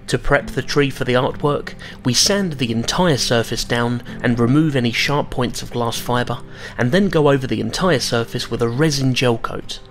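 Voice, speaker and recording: A studio narrator with a mid-range voice reads a scripted voice-over explaining workshop steps in a measured, matter-of-fact way, with music in the background.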